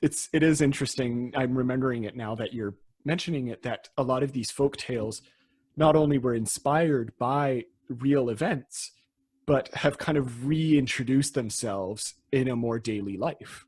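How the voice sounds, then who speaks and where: A man's voice: mid-range voice, moderate pace, darkish tone, slightly rough. A Canadian man co-hosting a podcast in casual conversation, laughing often and restarting his sentences. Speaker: podcast co-host.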